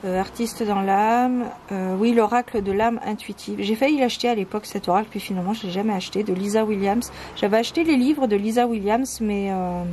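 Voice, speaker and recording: A woman chats casually about her card decks, stopping and restarting her sentences often. Her voice sits at an ordinary middle pitch. A clear layer of background noise runs under the whole recording. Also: a little fast, few pauses. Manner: hesitant, many fillers and restarts; reads card texts in a soft, calm tone. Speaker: channel host presenting oracle cards. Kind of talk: casual chat.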